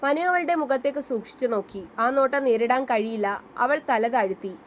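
A woman's voice: high-pitched, normal speed, a little hiss or hum. A woman narrating a written story and reading the characters' lines in her own voice. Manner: reads all the characters' dialogue in her own voice.

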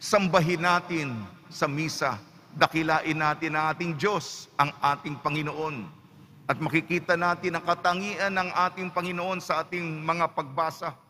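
A man's voice: on the high side, steady tone, moderate pace, sharp tone, slight background noise. A man with a Filipino accent, a priest, reading the gospel and preaching a homily in a solemn, emphatic way. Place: large church. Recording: echoey church with long reverb.

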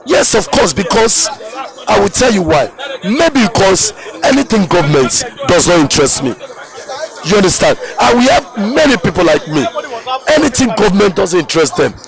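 A man's voice: high voice, very animated, normal speed, music in the background, rough recording. A middle-aged Nigerian man bluntly dismissing the government in a street interview. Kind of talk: vox pop street interview. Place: busy city street outdoors. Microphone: handheld mic held by interviewer. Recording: street crowd noise behind.

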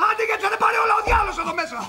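An actor playing a furious middle-aged father who shouts, curses and bangs on a door at his son in a film. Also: extremely high pitch, vocal fry, very noisy. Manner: yelling, cursing, pounding on a door. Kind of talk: shouted film drama acting.

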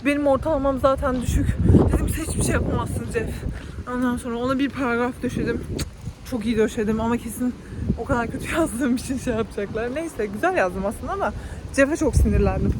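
A woman's voice: on the high side, fast talker, heavy background noise. A young woman in her twenties, a university student, venting animatedly in a casual vlog, filmed on a phone outdoors. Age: 20s. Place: outdoors on campus streets, windy. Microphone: phone camera at arm's length.

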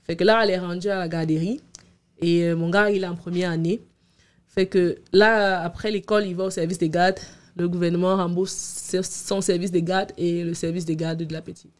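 Guesting on a podcast in a small indoor studio, a woman in her thirties who immigrated to Canada answers casually, hesitating and repeating words as she explains. Her voice is lowish and steady at a moderate pace, captured by a studio microphone on a boom arm while she wears headphones.

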